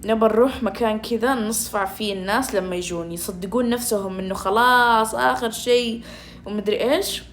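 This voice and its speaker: A woman gives loose, playful gaming commentary from home. Her voice sits a little high, and she teases and chats freely with her audience. Faint noise hums behind her. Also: fairly quick. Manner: playful and teasing, chatty with viewers. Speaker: gaming streamer.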